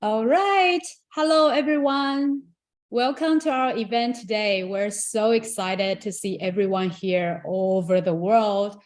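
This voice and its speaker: A woman's voice: medium pitch, measured pace. Upbeat young woman moderating an online forum. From Taiwan. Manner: upbeat, chatty, with fillers. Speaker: event moderator. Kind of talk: casual online event hosting.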